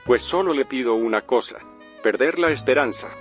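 A clangy, metallic robot voice gives this hopeless caller in his sixties a flat, bitter deadpan. A man is behind it, and it comes through a dull, lo-fi phone line at an ordinary middle pitch. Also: normal speed, faint music behind. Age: 60s. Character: gloomy hopeless older male radio caller.

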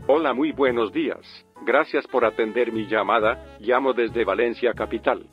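Despairing 60s male caller, metallic robotic voice, played by a man; deadpan, muffled lo-fi line. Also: medium pitch, moderate pace, faint music behind. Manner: flat, bitter deadpan complaints. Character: gloomy hopeless older male radio caller.

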